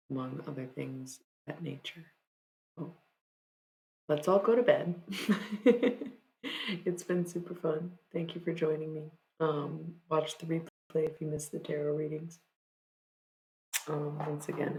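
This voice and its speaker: Thirties woman streamer, casual rambling chat to viewers, slight vocal fry. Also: deep voice, a little mellow, a little hiss or hum, poor audio. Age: 30s. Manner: rambling and chatty, full of "like" and "bro".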